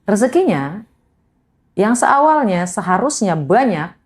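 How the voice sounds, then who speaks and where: Lively, preachy woman guest. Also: mid-range voice, unhurried. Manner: animated, preachy, keeps addressing the host. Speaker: podcast guest. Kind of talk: casual religious motivational talk.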